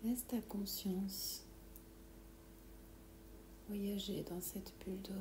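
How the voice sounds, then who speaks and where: Slow, whispering woman guiding a meditation, intimately close. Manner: slow, calming, soothing instructions. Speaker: guided meditation narrator. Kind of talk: guided meditation, soft whispered ASMR-like delivery. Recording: roomy echo, low background rumble noise.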